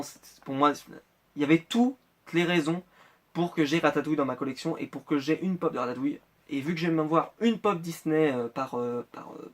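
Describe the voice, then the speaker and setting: A man from France talks on a close mic as he unboxes collectible figures. His voice sits a little high, and he rambles in a casual way, full of small hesitations and restarts. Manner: chatty, rambling with many hesitations. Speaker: Funko Pop collector vlogger.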